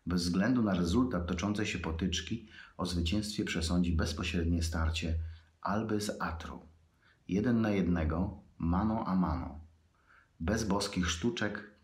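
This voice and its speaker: A man with a very deep voice reads his own fiction aloud. His reading is measured and unhurried, with pauses between phrases. The voice sounds in an echoey room.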